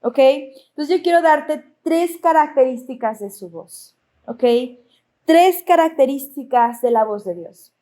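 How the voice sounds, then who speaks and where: A high-pitched woman preaching from the pulpit. She is middle-aged and delivers her sermon expressively, checking in with the congregation through frequent questions. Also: expressive, measured pace, dark tone. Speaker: pastor.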